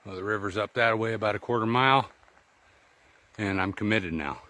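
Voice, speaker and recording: A man's voice: fairly low pitch, brisk, bright, forceful tone. A man narrating a casual outdoor vlog in short bursts while trudging through snow on snowshoes, winded from the effort. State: winded from exertion. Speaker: outdoor vlogger. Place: outdoors in snowy woods and fields.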